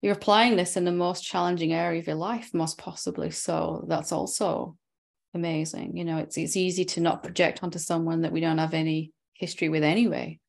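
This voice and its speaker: Woman teacher leading a satsang, gravelly and lower-pitched, reflective and gently probing. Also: steady tone, a little fast. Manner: reflective, gently probing, ends points with tag questions. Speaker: spiritual teacher. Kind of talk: satsang dialogue with a student.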